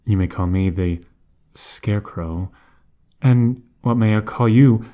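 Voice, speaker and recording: Narrator's low, menacing Scarecrow villain, a man acting. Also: slow pace, mellow. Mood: mocking menace.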